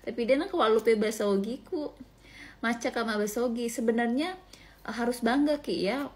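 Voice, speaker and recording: A woman's voice: on the high side, fairly quick, darkish tone. A woman from Indonesia with a Bugis accent, telling her story casually and animatedly and mixing regional words into her talk. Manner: mixes regional language into chatty talk. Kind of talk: casual monologue.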